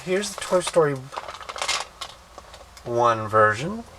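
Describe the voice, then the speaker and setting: A man casually reviewing a toy, thinking aloud with halting restarts. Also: medium pitch, sing-song, noisy background. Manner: hesitant, many fillers and restarts, thinking aloud.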